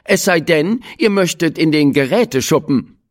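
A narrator voicing a patient but firm female schoolteacher who quizzes her class in a bright, coaxing tone, in a children's storybook reading. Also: medium pitch, animated, normal speed, voice pushed up, natural voice. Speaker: class teacher.

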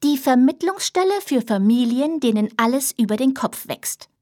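A woman voicing a brisk, prim middle-aged nanny who speaks with crisp, overly clear enunciation. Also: sits high, expressive, dark tone. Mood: matter-of-fact.

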